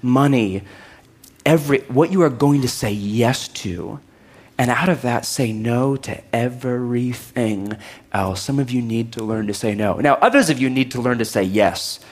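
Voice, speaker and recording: A middle-aged man preaching a sermon to a congregation, joking often and acting out listeners' doubts. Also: measured pace. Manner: lively, joking, acts out listeners' doubts in a higher voice. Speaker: pastor.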